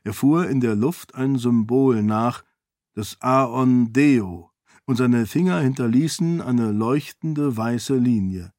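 A man reading a fantasy novel aloud as narrator in a measured, even delivery on a close studio mic. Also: medium pitch, no room sound. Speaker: audiobook narrator. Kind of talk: scripted narration.

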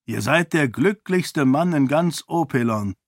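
A man voicing an earnest young prince who pleads and persuades, his voice rising in pitch. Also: lively intonation, a little slow, no echo, studio quality. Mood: urgent persuasion.

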